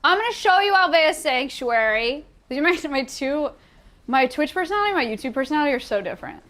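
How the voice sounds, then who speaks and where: A young woman with a high, bright-sounding voice hosts a casual streamed tour, chatty and upbeat. She laughs easily and keeps the talk loose. She is recorded in an indoor studio room. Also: expressive, fast talker. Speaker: sanctuary host giving a tour. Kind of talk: casual streamed vlog chat.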